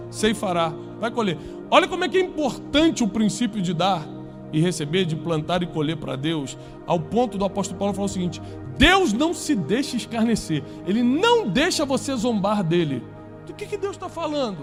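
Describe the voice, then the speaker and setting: A pastor preaches to a live congregation in a high, ringing voice, speaking emphatically and swinging between loud climaxes and low, quiet passages. Soft music plays faintly beneath.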